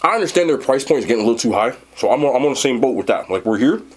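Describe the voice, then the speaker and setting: A man's voice: medium pitch, animated, very fast, slightly rough. A man giving a casual, unscripted food and movie review, rambling and blunt, with slangy phrasing and casual swearing.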